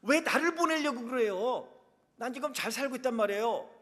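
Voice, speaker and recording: Man doing moses whining he won't go, high lively voice, echoey hall. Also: fairly quick. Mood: reluctant. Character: reluctant Moses, grown man, pleading and unwilling.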